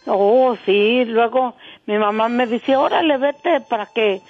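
A woman's voice: on the high side, a little slow. A woman calling in to a radio show, telling a story in a hesitant, homely way. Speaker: caller. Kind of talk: phone-in chat. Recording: tinny dry phone line.

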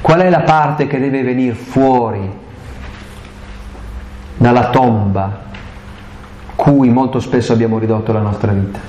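A man's voice: mid-range voice, a little slow, long pauses, warm tone, dull audio. Impassioned man preaching in an echoey hall. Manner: impassioned, colloquial, full of rhetorical questions. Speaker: catechist giving a Bible talk. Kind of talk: live catechesis talk. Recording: echoey live room recording, faint background hiss.

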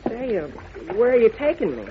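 A man's voice: very high-pitched, big pitch swings, fairly quick. An actor playing an eager, naive young male cub reporter in a 1940s radio serial, boyish and full of questions. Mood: eager, curious. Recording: tinny, noisy old radio recording.

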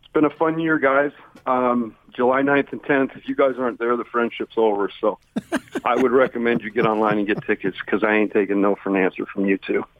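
An American man calls in as a guest on a radio show, chatting casually and joking around with the hosts in a phone interview. His medium-pitched voice is fairly quick with fairly even intonation, heard dry over a tinny, narrow phone line.

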